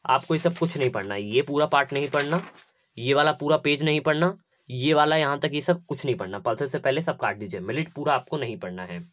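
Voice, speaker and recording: A man's voice: medium pitch, brisk, fairly bright tone, a little hiss or hum. A young man, teaching a syllabus lesson step by step and repeating his instructions.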